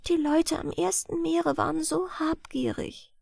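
A woman voicing a sad young maiden who has lost her voice, speaking in a soft breathy whisper in a fairy-tale audiobook. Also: extremely high pitch, steady tone, unhurried, no echo, clean studio sound, voice pushed up, exaggerated voice. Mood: sad, pleading.

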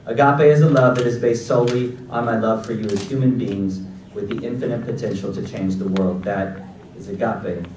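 A man in his forties gives a graduation keynote from a podium in a large auditorium. His voice sits a little low, and his delivery is measured and deliberate, read from a prepared text. The recording is strongly echoey and picked up from far back in the hall, with faint room noise. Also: steady tone. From Los Angeles, United States. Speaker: keynote speaker. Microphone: podium mic, recorded by a far audience camera.

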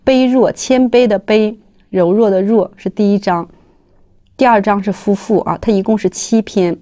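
A middle-aged woman who heads a company gives a personal testimony talk about her studies. She tells it as lively stories and acts out the dialogue. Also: mid-range voice, moderate pace. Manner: lively storytelling, acting out dialogue. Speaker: company head sharing study experience.

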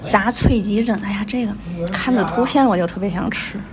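A woman's voice: medium pitch, fairly quick, a crowd in the background. A woman with a Tianjin accent chatting casually over a meal as a food vlogger, commenting on each bite. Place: small busy restaurant, indoors. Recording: clattery, noisy small restaurant.

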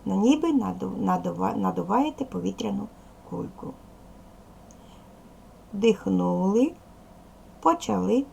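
A woman teaches a recorded reading lesson for second graders, patient and encouraging as she speaks slowly to the children. Her mid-range voice is expressive, warm, gravelly and husky.

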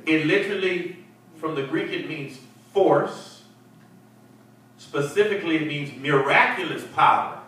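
A man's voice: fairly high pitch, unhurried, fairly bright tone. A middle-aged man, a pastor, teaching a Bible study with emphatic preaching, repeating words and calling for responses. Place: church fellowship hall with seated group. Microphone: handheld mic, heard from a far camera. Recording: echoey hall from far off, faint hiss.

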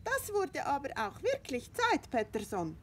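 A woman voicing a flock of excited, cackling hens while reading a storybook aloud. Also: high voice, measured pace, pitched above the performer's own voice, full character voice. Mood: eager. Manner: cackling and eager.

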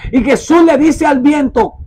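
A man preaching a sermon and reading from the Bible, emphatic, repeating phrases and slowing down to stress words. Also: extremely high pitch, mellow, low-quality recording. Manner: urges listeners to mark their Bibles.

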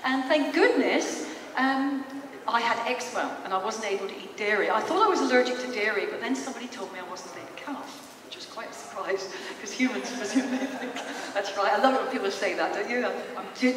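A fiftyish woman psychologist speaks conversationally to a large theatre audience from in front of the stage, telling stories and asking questions. Fairly high and a bit bright, her voice moves a little fast; a distant camera captures her handheld PA mic, leaving the audio echoey and noisy.

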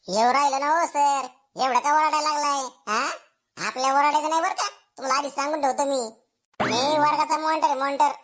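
A woman's voice: sits high, fairly even intonation, brisk, a bit bright. A woman voicing a blustering schoolboy who gets to be teacher for a day, in a village comedy skit, full of cheeky asides to himself. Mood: cocky. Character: brash boastful schoolboy made teacher for a day, male.

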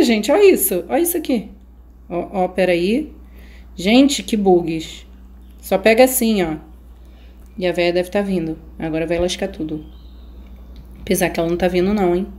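A woman's voice: mid-range voice, darkish tone. A Brazilian woman hosting a gaming channel, giving chatty let's-play commentary straight to her viewers with frightened exclamations.

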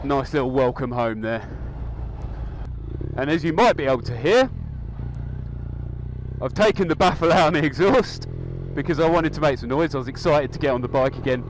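A young motovlogger chats casually while riding his motorcycle outdoors, talking into a helmet mic in a rambling, upbeat way full of ums. His mid-range voice has lively intonation at a moderate pace with frequent pauses, and faint road and engine noise comes through.

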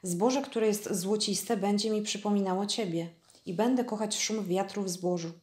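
A lonely, gentle male fox from a storybook speaks slowly and softly, as a woman reads him aloud. The voice sits at a middle pitch. The room gives a noticeable echo. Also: steady tone, close to an everyday voice. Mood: wistful. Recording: echoey room.

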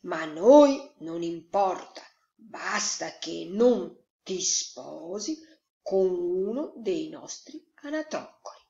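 A woman's voice: lowish voice, sing-song, slow pace, gravelly, mellow, exaggerated voice. A woman voicing blunt wild marsh ducks. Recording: roomy echo, slightly dull sound.

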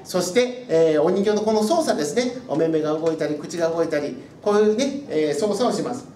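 A man's voice: animated, fairly quick, warm tone. A man teaching ventriloquism, answering his puppet with patient, chuckling retorts. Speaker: ventriloquism instructor. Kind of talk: ventriloquist comedy routine. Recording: echoey room from a distance, faint rumble.

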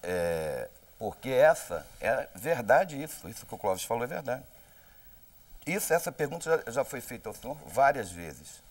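A man's voice: medium pitch, sing-song, moderate pace. A man with a Brazilian accent, a journalist pressing a guest with combative, insistent questions in a heated televised debate. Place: television studio.

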